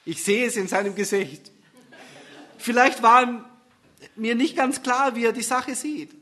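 A man's voice: extremely high pitch, unhurried, bright, forceful tone, voice pushed up, full character voice. A man voicing an anxious young woman who overthinks her relationship and turns tearful. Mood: brooding. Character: anxious, soul-searching young woman in love.

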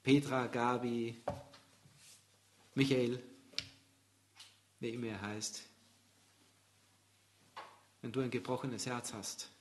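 A man's voice: medium pitch, fairly even intonation, slow, pauses often, a little hiss or hum. Man preaching, rising on scripture. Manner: emphatic scripture reading, quiet personal appeals. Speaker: pastor. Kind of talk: sermon.

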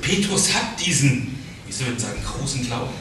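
A man's voice: mid-range voice, sing-song, moderate pace. A man leading a conversational Bible study, often repeating words and checking in with his listeners. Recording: very echoey room, distant mic, faint noise.

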